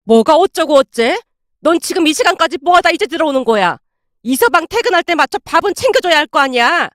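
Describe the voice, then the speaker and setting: Woman voices a stern older mother-in-law, high and biting, loud rebukes. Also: expressive, a little fast, no echo, studio quality. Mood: scolding. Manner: sharp, scolding rebukes.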